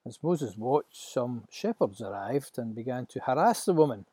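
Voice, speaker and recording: Male storybook narrator, dark, husky, dramatic, dry close sound. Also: mid-range voice, animated, moderate pace, dry recording.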